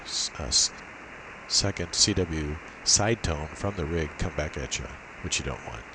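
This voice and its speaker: With a rumbling low voice, a man presents an informal screen demo walkthrough of his amateur radio setup, pausing and thinking aloud as he goes. The built-in laptop microphone adds a constant cheap hiss.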